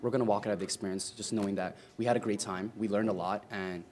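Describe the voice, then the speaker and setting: A man's voice: lowish voice, steady tone, fast, darkish tone, slight background noise. A young man, a student team member, chatting eagerly and agreeably with the host after presenting. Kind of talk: casual chat with host.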